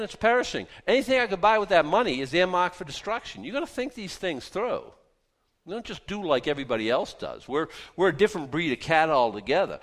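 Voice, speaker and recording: A man's voice: fairly high pitch, fairly bright tone. Folksy middle-aged man preaching conversationally. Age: 50s. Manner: folksy, joking asides and rhetorical questions he answers himself. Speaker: pastor preaching to a congregation. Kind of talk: conversational Bible-teaching sermon.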